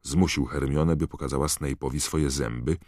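A male audiobook narrator with an extremely deep, low voice. He reads the story in a measured, even storytelling manner, recorded close and dry with no room sound. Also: dry recording. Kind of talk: scripted narration.

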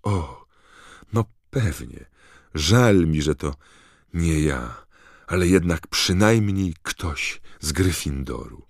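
A man's voice: a bass voice, expressive, slow, gravelly, dry recording, studio quality, full character voice. A man voicing an eager teenage schoolgirl in an audiobook, speaking enthusiastically. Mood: excited. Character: excited teenage girl, sporty schoolmate.

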